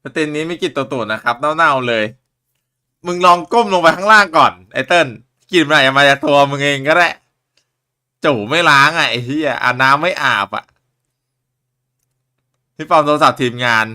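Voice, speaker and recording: A man's voice: a little high, moderate pace, pauses often, bright, forceful tone. A man live-streaming a watch party, chatting casually with loose, crude, joking banter.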